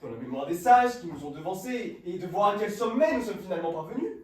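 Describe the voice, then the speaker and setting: An actor playing an eager, deferential, bookish assistant in a hammy, declamatory stage style. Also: male voice, sits high, big pitch swings, quick pace, darkish tone. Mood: humble, enraptured. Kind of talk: theatrical stage acting. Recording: roomy, distant stage recording with faint noise.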